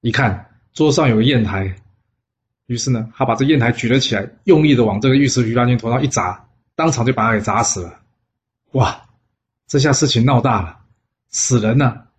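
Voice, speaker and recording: A man's voice: medium pitch, fairly quick. A man telling an old legend in a casual, chatty storytelling voice, full of little fillers. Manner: lively, chatty, with frequent "呢" fillers. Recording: dull lo-fi sound.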